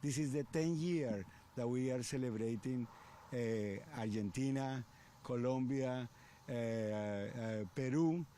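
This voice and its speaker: A man speaks as a community event organizer in an interview. His delivery is slow and halting, full of fillers, and his voice has a mellow tone. Faint ambient noise sits behind him. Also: medium pitch. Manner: hesitant, halting with many fillers.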